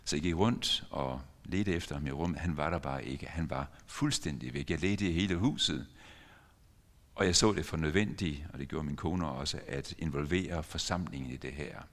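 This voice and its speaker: An older man preaching a sermon as a pastor, telling a story earnestly with sudden emphatic rises in his voice. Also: extremely low pitch. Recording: long church reverb.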